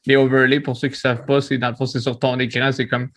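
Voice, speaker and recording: Relaxed male podcast host. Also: mid-range voice, quick pace. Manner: relaxed, friendly, explains terms for listeners. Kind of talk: casual interview.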